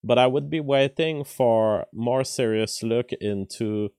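A man with a weak voice, hosting a casual livestream commentary in halting, deliberate phrases. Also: mid-range voice, a little mellow, clear, resonant tone, no echo, studio quality. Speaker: livestream host. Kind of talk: casual livestream commentary, reading viewer messages.

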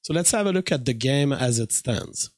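Man with a weak voice, halting explainer. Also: mid-range voice, lively intonation, no echo, studio quality. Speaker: streamer and hobby game programmer. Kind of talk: casual tutorial narration for a screen recording.

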